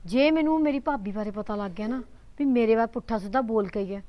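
A woman's voice: very high-pitched, fast, dry recording, highs cut off. A woman as a sly young village woman. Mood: scheming. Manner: coaxing and cheeky.

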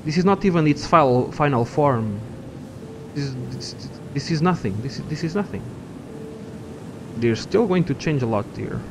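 A man's voice: fairly high pitch, lively intonation, normal speed, noisy background. Rambling young man narrating gameplay. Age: young adult. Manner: rambling, profane, thinks aloud. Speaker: gaming channel host. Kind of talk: casual gameplay commentary.

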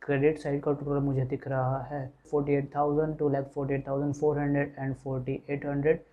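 A man's voice: medium pitch, completely flat delivery, fast talker, narrow, tinny audio. Man teaching accounts, step by step. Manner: explains step by step, voicing students' questions. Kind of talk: classroom lecture.

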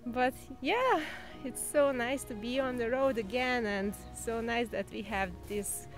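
A woman's voice: fairly high pitch, a little slow, soft background music. A woman in her thirties giving a casual vlog update to a handheld camera outdoors in the woods. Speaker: travel vlogger. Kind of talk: casual spoken vlog chat. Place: outdoors on a forest trail. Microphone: handheld camera at arm's length.

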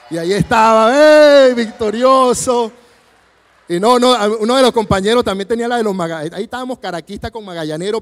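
Venezuelan pastor, 40s, handheld mic on a church stage, high voice echoing through the hall, acts out every story. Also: male voice. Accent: Venezuelan Spanish. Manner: animated storyteller acting out dialogue, gesturing freely. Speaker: preacher. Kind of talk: sermon with told anecdotes. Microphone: handheld microphone. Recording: long church hall reverb.

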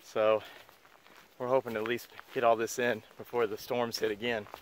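A man in his thirties talking casually to a handheld camera on a forest trail, relaxed and chatty. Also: mid-range voice, normal speed, a little hiss or hum. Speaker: hiking vlogger. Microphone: handheld camera at arm's length.

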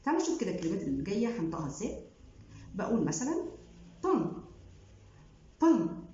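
A woman's voice: mid-range voice, sing-song, mellow, a little hiss or hum. Egyptian woman explaining pronunciation in an echoey room. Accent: Egyptian Arabic. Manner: explains rules step by step, drawing out example words slowly. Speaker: French pronunciation teacher. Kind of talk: online language lesson. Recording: echoey room, dull lo-fi sound.

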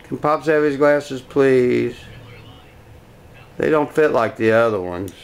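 Older man coaxing a toddler, gravelly. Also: mid-range voice, a little hiss or hum. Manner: slow, repetitive coaxing talk to a small child. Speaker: grandfather. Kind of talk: casual home video chat with a toddler.

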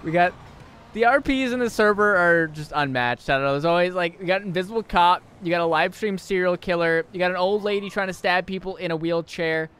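High, clear-voiced man live streaming. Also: brisk, fairly bright tone. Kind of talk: casual live-stream commentary.

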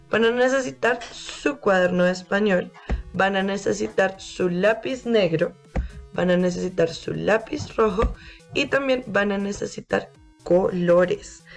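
A woman's voice: medium pitch, creaky. A woman teacher giving an online class to young children, explaining patiently step by step. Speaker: primary school teacher.

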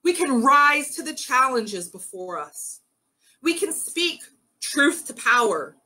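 Brief: woman storyteller for a ritual, unhurried, earnest, rather high voice. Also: very animated, pushed and bright, rough recording. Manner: slow, earnest, rallying.

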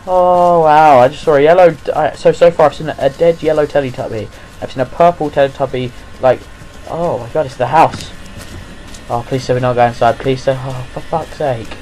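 A man's voice: medium pitch, fairly quick, a little mellow, a little hiss or hum, low-quality recording. A young man hosting his gaming channel, giving jumpy, profanity-filled commentary while playing a horror game. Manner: jumpy, swears constantly, panicky outbursts.

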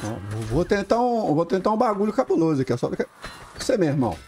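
A young Brazilian man casually commenting on his own gameplay, excitable, swearing and yelling during fights. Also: high voice, fast, a little hiss or hum. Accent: Brazilian Portuguese. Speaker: gaming YouTuber.

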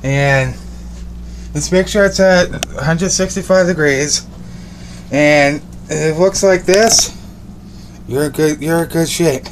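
A man's voice: on the high side, slow pace, pauses often, background noise. A young man vlogging casually as he cooks at home, upbeat and rambling, repeating his words, filmed on a phone held at arm's length. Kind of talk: casual cooking vlog. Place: small home kitchen and bedroom indoors. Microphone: phone camera at arm's length.

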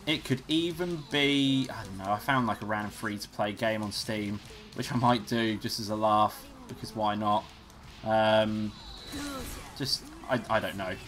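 A man's voice: fairly low pitch, fairly even intonation, measured pace, fairly bright tone. A young man hosting a let's play, giving casual, rambling gameplay commentary and swearing freely. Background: game music.

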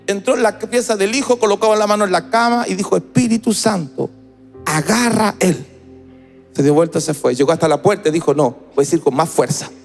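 A high-voiced male preacher delivers an emphatic, chanting sermon in church. He acts out his story with vivid emphasis. Soft music plays faintly behind him. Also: brisk, creaky, long reverb tail. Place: church service.

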